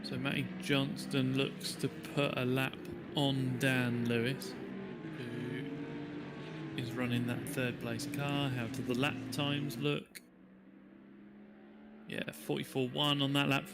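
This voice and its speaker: A man's voice: medium pitch, level tone, slow, creaky, over loud music. A man commentating a live sim race, chatty and joking as he reads out lap times.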